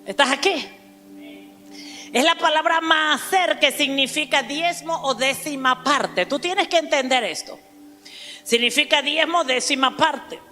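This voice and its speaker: A high, bright woman's voice preaching with emphatic force, calling out to the congregation and slowing down to spell out words. She is recorded on a stage microphone in a church hall, with a long reverb tail and faint music underneath. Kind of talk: sermon.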